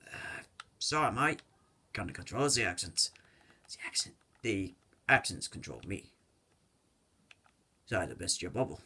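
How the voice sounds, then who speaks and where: A man's voice: sits low, sing-song, measured pace, vocal fry, long pauses, pushed and bright, husky. A man giving casual, rambling commentary over his own gameplay, joking and correcting himself as he goes. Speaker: gaming video creator. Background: keyboard and mouse clicks.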